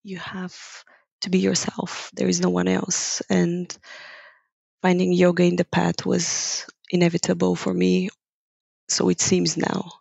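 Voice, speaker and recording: A Bulgarian woman and yoga teacher, appearing as a guest in a reflective interview, talks thoughtfully, hunting for words and laughing lightly. Her voice is lowish, monotone, unhurried and creaky, a little mellow with a breathy edge. The dry, dull lo-fi recording has no room sound.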